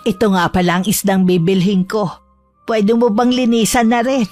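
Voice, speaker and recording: A woman voicing a secretive old grandmother who speaks calmly and politely, with faint music behind. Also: mid-range voice, normal speed, lightly acted. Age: older. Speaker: customer.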